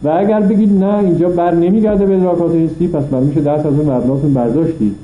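A man's voice: fairly high pitch, steady tone, reverberant, lo-fi sound. A man teaching a philosophy lesson, reading passages from a text and explaining them point by point with rhetorical questions. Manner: reads Arabic passages then explains them in Persian. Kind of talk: classroom lecture reading and explaining an Arabic text.

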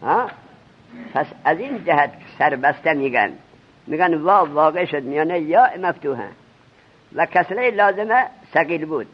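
A male religious teacher giving a seminary grammar lesson, quizzing his students with rapid questions. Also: a little high, expressive, breathy edge. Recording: dull lo-fi recording.

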